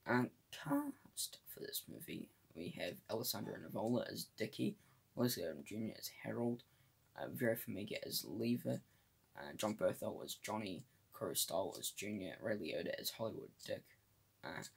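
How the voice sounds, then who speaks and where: A man's voice: lowish voice, expressive, moderate pace, creaky, husky. A man giving a casual solo movie review, hesitant and full of fillers, often tripping over names.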